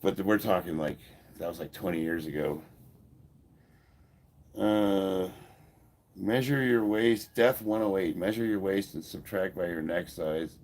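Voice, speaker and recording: Talking casually to his livestream audience, this deep-voiced American powerlifter in his fifties answers comments bluntly, swearing and laughing easily. A head cold makes him sound congested, and his delivery is unhurried and a little mellow, broken by frequent pauses.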